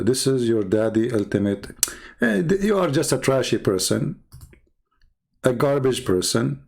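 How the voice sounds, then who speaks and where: Guy ranting at some online debater, mocking, low mutters then jumps way up high, mid voice. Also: creaky, a little mellow. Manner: mocking, scornful, swings between low mutters and high exclaims. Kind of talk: heated ranting monologue.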